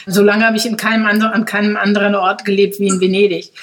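A woman's voice: medium pitch, little pitch movement, fast talker. A woman in her fifties from the Ruhr area, answering interview questions in a reflective, meandering way with many filler phrases. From Ruhr area, Germany. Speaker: interview guest.

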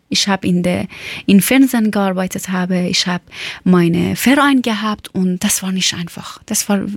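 Woman, young, from Iran, slow halting speech, searches for words, dry recording. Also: mid-range voice, dry recording. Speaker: former teacher telling her story. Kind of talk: personal testimony in learner German.

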